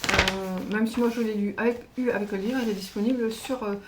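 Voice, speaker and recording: A chatty woman with a French accent presents her latest craft parcels in a relaxed, hesitant way, often pausing to search for words. Her voice sits at an ordinary middle pitch, with a faint hum of room noise underneath. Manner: chatty, hesitant, lots of fillers. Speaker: craft channel host. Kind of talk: casual unboxing vlog.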